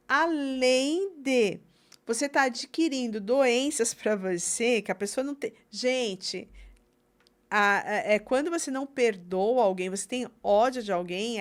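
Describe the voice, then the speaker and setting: A woman, a podcast host telling a story and acting out the voices of the people in it. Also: fairly high pitch. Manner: animated storyteller acting out quoted speech. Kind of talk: casual chat, storytelling.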